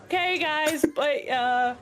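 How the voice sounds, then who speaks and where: A woman's voice: high voice, slow, fairly bright tone. A woman co-streaming, chatting casually, teasing her partner and addressing her viewers. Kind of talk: casual livestream chat.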